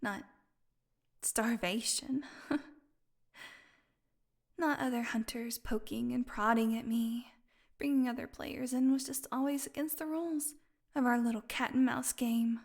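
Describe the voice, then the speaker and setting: In an intimate audio drama, a woman plays a starving vampire held captive. Her fairly high voice comes slowly and haltingly, often thinning to a breathy whisper, with fairly even intonation. Bitter and wry, she sounds sardonic and proud, with desperation underneath.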